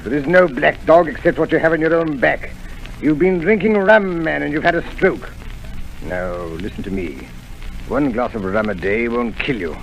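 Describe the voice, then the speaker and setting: An actor playing Doctor Livesey, a brisk, stern country doctor with a scolding, authoritative manner, in a 1930s radio drama. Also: male voice, a little high, expressive, gravelly, poor audio. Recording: old radio broadcast with music.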